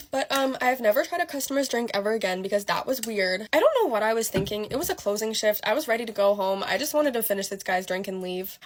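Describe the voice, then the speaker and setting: A woman barista tells a story about a mistake on the job, mocking herself as she goes. Her voice sits fairly high, and she talks casually and plainly. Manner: casual, self-deprecating, laughing at herself. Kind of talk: storytime monologue.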